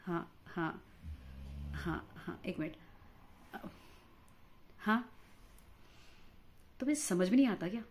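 A woman's voice: on the low side, animated, takes it slowly, long pauses, darkish tone, a little hiss or hum. A woman playing a chatty, quarrelsome married mother in a comic monologue, fawning and talkative as a job candidate for a news anchor post. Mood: scolding. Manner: chatty, fawning toward interviewer, mixes English words into Hindi.

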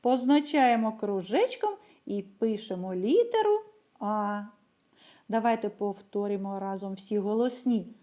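A woman's voice: medium pitch, expressive, measured pace, dark tone. A woman teaching a children's lesson, speaking patiently and addressing the little ones directly. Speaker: primary school teacher.

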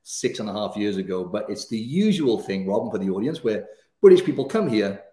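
A Welsh man in his thirties, talking as a podcast guest over a video call. His voice sits low, and he chats in an upbeat, rambling way with plenty of fillers. The sound is a bit roomy, with echo from his room at home. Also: big pitch swings, brisk, dark tone. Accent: Welsh, softened by years in Australia. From Wales. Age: 30s. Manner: chatty and upbeat, many fillers like "you know" and "right". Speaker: guest, fitness coach. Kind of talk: casual interview chat. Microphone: studio mic on video call.

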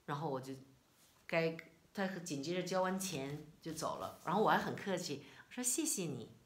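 A middle-aged woman from China, telling a personal story in a casual, animated, indignant way. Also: deep voice, normal speed. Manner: animated, indignant retelling with quoted dialogue. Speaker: vlogger.

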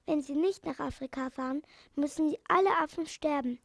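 A woman's voice: sits high, a little fast, creaky, dry recording. A woman reading a storybook aloud, voicing a swallow messenger who pleads urgently for help.

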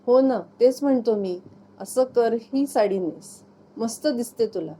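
A man's voice: extremely high pitch, a little slow, a little hiss or hum. A woman reading as a teasing young husband. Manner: teasing, gently coaxing. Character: playful affectionate young husband.

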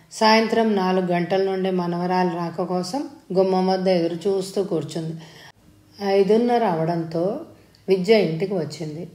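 A woman's voice: medium pitch, dark tone. Woman reading a story aloud, echoey room. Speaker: audiobook reader. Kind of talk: scripted story narration. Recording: roomy echo.

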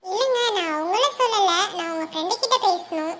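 A performer voicing an earnest, lovesick young man in a comic cartoon, speaking softly and sincerely. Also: very high-pitched, animated, fairly quick, heavy background noise.

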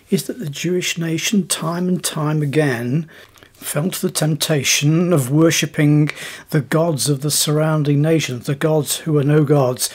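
A man giving a measured devotional sermon as the preacher. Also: a little high, breathy edge.

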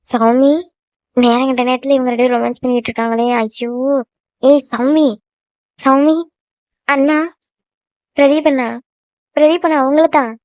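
A woman's voice: sits high, steady tone, a little mellow, dry recording, lightly acted. A woman voicing a flustered young cartoon woman who stammers and talks in a hurry. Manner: stammering, hurried.

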